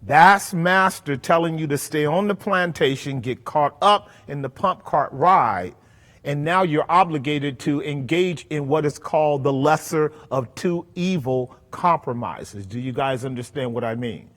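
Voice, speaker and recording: A fairly high-pitched man preaches at a Bible study, driving his points home by repeating key phrases. His voice rings out in a church hall with a long reverb trailing behind each line. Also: a little slow, a bit bright. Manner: emphatic, repeats phrases for weight. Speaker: pastor.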